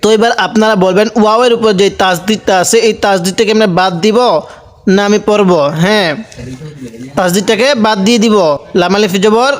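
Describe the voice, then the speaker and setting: A man with a Bangladeshi Bengali accent teaching Quran reading, spelling out each letter and vowel mark and then reciting the words slowly, asking his own questions and answering them. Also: high voice, fairly even intonation.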